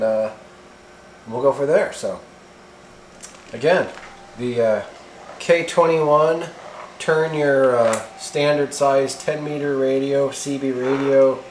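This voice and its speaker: With a medium-pitched, slightly mellow voice, a man reviews radio gear on video, unboxing and demonstrating it casually and without a script. He rambles in a halting, folksy manner indoors in his home kitchen, where the sound echoes and faint noise lingers.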